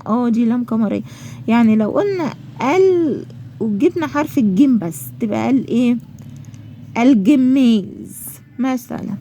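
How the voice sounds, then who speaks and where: A woman's voice: a little high, warm tone, slight background noise. A woman with an Egyptian accent teaching a school lesson, asking and answering her own questions and drawing out example words.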